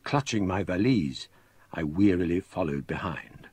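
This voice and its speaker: An actor playing a scholarly English gentleman recounting a ghostly memoir in measured, formal, literary phrases for radio drama. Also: sits low, expressive, husky, dry recording, heavily acted. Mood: brooding.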